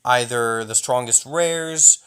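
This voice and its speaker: A man's voice: mid-range voice, takes it slowly, fairly bright tone, smooth. A young man giving jokey, hyped-up commentary while showing replays of a mobile strategy game, often mock-taunting an imagined opponent. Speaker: gaming YouTuber.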